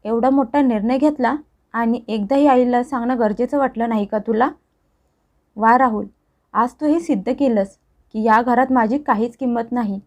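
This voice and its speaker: A woman's voice: high-pitched, moderate pace, natural voice. Angry old mother-in-law, as a woman puts her on. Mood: furious scolding. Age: older. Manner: harsh, accusing, shouting.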